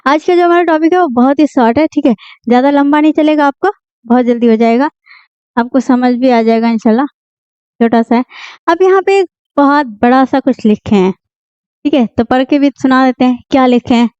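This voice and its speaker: Woman, language teacher, smooth resonant tone, slow repetition, asks herself questions, dry close sound. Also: high voice, darkish tone, no room sound, muffled recording. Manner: repeats words slowly, asks and answers own questions. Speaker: Urdu teacher. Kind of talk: beginner language lesson.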